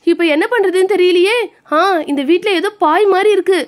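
A woman with a very high voice acts out a playful doll story. She exclaims and scolds as her characters, and her delivery stays lively throughout. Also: fairly quick.

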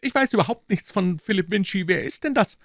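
A shrill, high-pitched gangster held prisoner, as a man reading a storybook puts him on, snapping out his words in scornful outbursts. The voice is pushed well above a deep reader's own, raised and tense, in a dry room. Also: animated, fairly quick, fairly bright tone, dry recording. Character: angry frightened male gangster captive.

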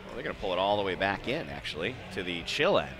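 A low-voiced American man calls live ice hockey fast, with big pitch swings, in short, conversational phrases. Crowd noise and other clear background sound come through from the live arena broadcast.

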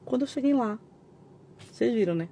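A woman's voice: on the high side, animated, fairly quick, mellow, slight background noise. A woman from Northeast Brazil with a Northeastern Brazilian accent, chatting emotionally with her followers in a home vlog recorded on a phone. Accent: Northeastern Brazilian Portuguese. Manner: emotional and chatty, keeps addressing viewers. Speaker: vlogger. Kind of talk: casual chat to followers.

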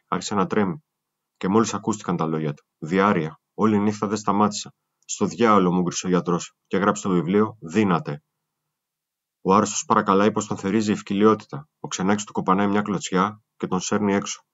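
A man reading a first-person memoir aloud in a steady, grave storytelling manner. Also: deep voice. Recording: muffled lo-fi recording.

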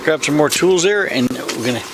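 A man's voice: a little high, lively intonation, brisk. Folksy older man on noisy camera. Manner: chatty, folksy, joking about his own work. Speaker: hobby pilot building hangar doors. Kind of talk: casual how-to narration while working. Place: outdoors at a farm hangar. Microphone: handheld or head camera mic. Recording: noisy outdoor camera audio.

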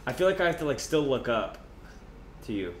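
A man's voice: medium pitch, sing-song, brisk. A man in his twenties bantering casually on a live stream, with slangy, sweary talk. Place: indoor home kitchen. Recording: echoey kitchen with faint noise.

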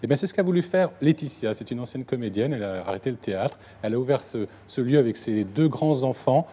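A man presenting a restaurant recommendation on a TV show with brisk enthusiasm. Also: medium pitch, animated, mellow, slightly rough. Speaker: columnist.

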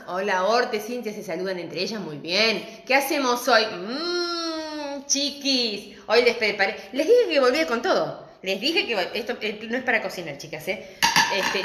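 A middle-aged woman with an Argentine accent, teaching a live-stream craft class and greeting viewers warmly and chattily. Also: fairly high pitch. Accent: Argentine Spanish. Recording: echoey room.

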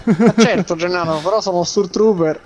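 A man's voice: high-pitched, moderate pace, a little mellow. A young man playing a game with a friend, trading jokes in a mock-dramatic way. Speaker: co-player. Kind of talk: playful gameplay banter.

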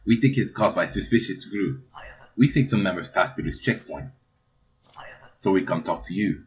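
A man's voice: animated, normal speed, lo-fi sound, a crowd in the background. A man voicing a stern male secret police agent in a put-on Eastern European accent, speaking broken, clipped English. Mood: interrogating. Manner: broken clipped English, louder and higher than his own talk.

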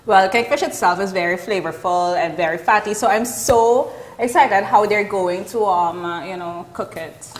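A woman's voice: mid-range voice, normal speed, few pauses, echoey room, slight background noise. A woman in her thirties chatting casually as a guest chef judge. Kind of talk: casual chat. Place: TV studio kitchen. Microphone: lapel mic.

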